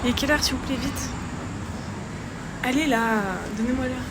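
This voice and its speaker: A woman from France, livestreaming while out in town, chatting excitedly to her viewers into a handheld phone. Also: high voice, moderate pace, heavy background noise. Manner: chatty, excitable, talks straight to her chat. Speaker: IRL livestreamer. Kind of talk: casual live stream chat. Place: out on town streets and in shops.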